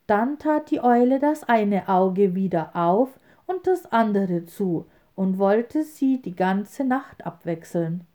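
A woman telling a fairy tale aloud in an expressive, lively storytelling manner. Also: medium pitch.

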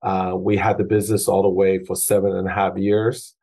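A man's voice: sits low, little pitch movement, a little fast, mellow, husky. A man in his forties, originally from Taiwan, talking as a guest chef in a casual interview, with frequent fillers and restarts. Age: 40s. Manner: hesitant, many fillers and restarts.

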